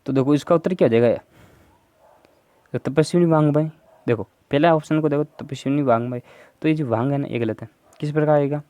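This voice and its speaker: Male Hindi grammar tutor, mellow voice. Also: fairly high pitch, brisk, long pauses, clear, resonant tone, no room sound. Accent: Rajasthani. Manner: explains step by step, prompts viewers to answer. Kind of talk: exam prep lesson.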